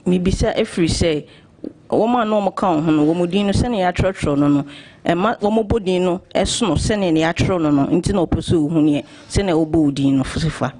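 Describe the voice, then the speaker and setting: Brief: man interpreting consecutively at a hearing, voice pitched a bit high. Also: fairly quick, darkish tone.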